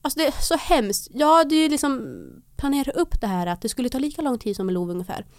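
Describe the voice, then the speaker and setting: A young woman in casual chat, telling a story lively and acting out what people said. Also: high-pitched, no echo, studio quality. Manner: lively storyteller who acts out quotes.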